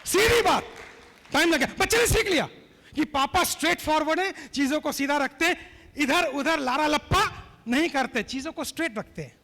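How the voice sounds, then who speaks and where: High, gravelly male keynote speaker in a large hall; storytelling, audience-prompting delivery. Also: lively intonation, moderate pace, sharp tone. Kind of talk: motivational speech. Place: convention hall. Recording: hall reverb.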